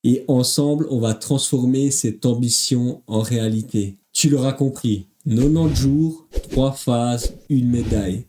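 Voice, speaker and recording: A man's voice: mid-range voice, unhurried, few pauses, dark tone. A man coaching viewers through obstacle race training in a motivational voice-over, direct and upbeat. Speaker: fitness coach.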